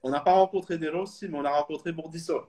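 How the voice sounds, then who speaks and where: A Belgian man in his thirties appears as a supporters club guest in a casual video call interview, hesitant and full of fillers and restarts. He talks fast in a slightly high, dark-toned voice with fairly even intonation.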